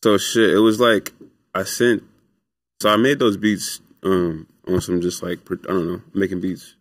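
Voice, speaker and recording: A young man, a music producer, telling stories in a relaxed, rambling interview full of fillers. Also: deep voice, normal speed, no room sound, studio quality. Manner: laid-back, rambling with many fillers. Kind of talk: casual storytelling interview.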